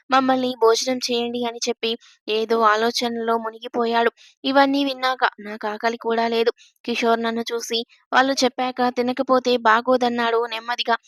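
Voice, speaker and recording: A woman narrates a story in an even, scripted way. Her voice sits a little high and hardly rises or falls. The sound is dry and close, with no room around it. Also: no room sound. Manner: steady, even reading of a first-person tale.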